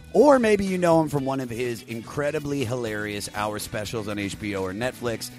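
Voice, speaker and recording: Excited profane podcast host, faint music. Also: male voice, on the low side. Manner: enthusiastic, profane, rambling storyteller. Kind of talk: casual podcast intro.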